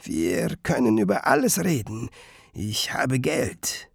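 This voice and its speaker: A man voicing a frail, wealthy old man who pleads softly and slowly. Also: mid-range voice, big pitch swings, creaky, slightly rough, no room sound, clean studio sound, full character voice. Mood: pleading. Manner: slow, soft-spoken, pleading.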